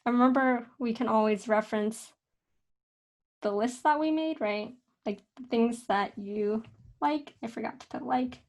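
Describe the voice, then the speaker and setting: A young woman with a fairly high voice walks through a drawing lesson at her desk. She talks in a loose, chatty way, full of fillers, and changes her mind as she goes. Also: unhurried. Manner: relaxed, chatty, with many fillers and self-corrections. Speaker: art instructor. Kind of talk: casual drawing tutorial.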